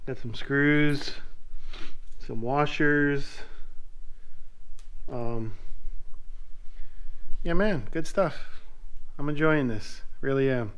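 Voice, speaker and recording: A man doing a casual vlog from his garage workshop, relaxed and explaining his fabrication work step by step. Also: medium pitch, drawn-out words, pauses often, clean tone. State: out of breath at times. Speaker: metal fabricator. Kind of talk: casual shop vlog talk.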